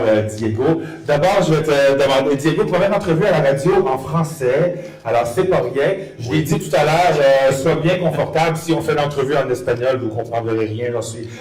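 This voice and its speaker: A man with a Quebec French accent hosting a live radio evening and interviewing, with hesitant, paused phrasing. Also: a little high, darkish tone. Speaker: radio host. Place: live event venue with an audience. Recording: echoey room, distant from microphone.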